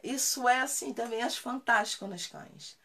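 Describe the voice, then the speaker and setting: A woman's voice: fairly high pitch, moderate pace, fairly bright tone. A woman dog trainer talking casually in a live Q&A, answering viewer comments and repeating key points for emphasis.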